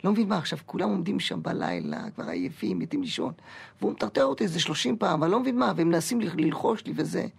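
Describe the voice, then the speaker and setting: A male comedian tells a self-mocking story. His voice is gravelly and husky, with a rough edge to it. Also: high voice, very animated.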